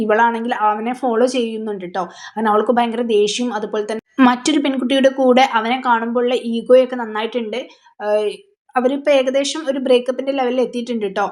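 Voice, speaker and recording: A woman casually retelling a TV serial episode, chatty and quick to quote the characters' lines. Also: a little high, a little mellow. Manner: chatty, retells dialogue, frequent tag particles. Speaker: serial recap host.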